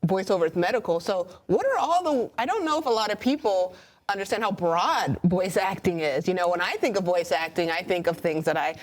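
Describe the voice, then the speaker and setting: A woman hosting an interview and asking a voice actor curious questions in a relaxed way. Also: medium pitch. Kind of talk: conversational interview.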